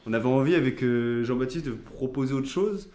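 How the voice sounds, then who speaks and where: A man's voice: medium pitch, a little fast, darkish tone. A man giving an unscripted presentation, hesitant and searching for his words.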